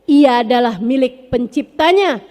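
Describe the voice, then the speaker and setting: High-voiced woman preacher, animated sermon, reverberant hall. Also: measured pace. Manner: animated, mixes formal address with slang. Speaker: Islamic preacher.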